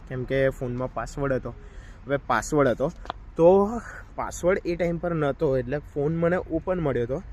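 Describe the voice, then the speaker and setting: A man's voice: mid-range voice, darkish tone, a little hiss or hum. A man telling a story in a casual vlog, talking straight to his viewers while outdoors in a park. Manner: chatty, addresses viewers directly. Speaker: vlogger.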